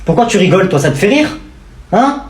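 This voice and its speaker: A man's voice: sits high, sing-song, a little fast, roomy sound. A man doing a scolding mother. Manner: reproachful, firing questions. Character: scolding mother of two kids.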